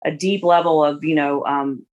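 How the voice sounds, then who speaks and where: A woman's voice: sits low, steady tone, normal speed, darkish tone, lo-fi sound. A woman in her forties, a guest in a casual interview, talking in a rambling way with many restarts and fillers. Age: 40s.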